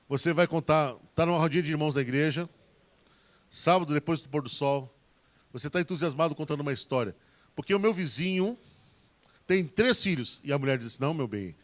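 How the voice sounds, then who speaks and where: Man, sermon, slightly high voice, direct homespun preaching, acts out examples. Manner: folksy and direct, addressing the congregation. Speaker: preacher giving marriage advice.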